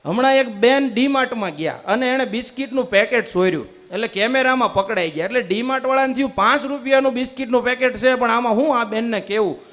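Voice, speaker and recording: Brief: man, stand-up storyteller, very high voice, punchy delivery. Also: a bit bright. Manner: rapid joke-telling with quoted dialogue. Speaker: comedian.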